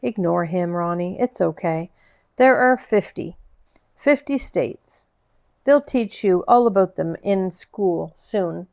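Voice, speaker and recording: A woman doing a calm, kindly older girl. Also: mid-range voice, unhurried, gravelly. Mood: calm, encouraging. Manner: calm and encouraging. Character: calm, kind older girl, big sister type.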